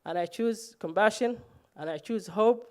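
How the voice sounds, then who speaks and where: A man's voice: sits high, a little slow. A man from Somalia, telling a personal story on stage with self-mocking humor and frequent "uh" fillers.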